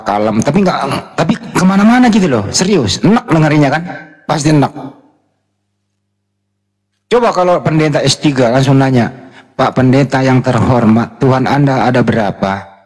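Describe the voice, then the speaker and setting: A man hosting a casual live chat, telling stories in an animated way and acting out the exchanges he quotes. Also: a little high. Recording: long hall reverb.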